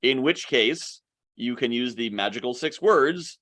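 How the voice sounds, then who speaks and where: A man's voice: medium pitch, lively intonation, a little slow, a bit bright. A man giving an online summit presentation on networking, talking casually and acting out quoted conversations. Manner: conversational, acts out quoted dialogue. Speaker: speaker on networking.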